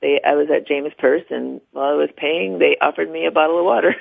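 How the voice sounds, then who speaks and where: A woman's voice: sits low, fast, gravelly, slightly rough, no room sound. An American woman, a stylist guest on a radio interview, chatting casually and sharing tips. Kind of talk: casual chat, giving tips. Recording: thin phone-line radio sound.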